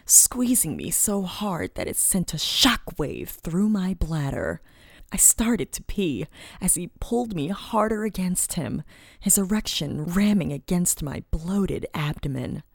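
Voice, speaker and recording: A woman narrating a first-person story in a dramatic, expressive reading, often dropping into a hushed whisper mid-sentence. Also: fairly low pitch, dry recording, clean studio sound.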